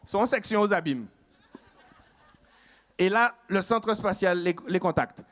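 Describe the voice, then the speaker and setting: A man doing stand-up storytelling, with a lively, teasing delivery full of sound effects. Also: sits high, measured pace. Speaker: stand-up comedian.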